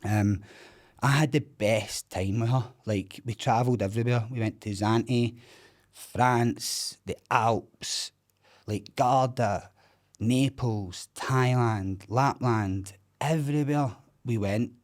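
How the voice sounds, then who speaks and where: A Scottish man in his thirties, who calls himself a loudmouth, tells his own story bluntly and candidly in a casual interview, swearing plenty. His voice sits in the mid-range and he speaks at a slow pace.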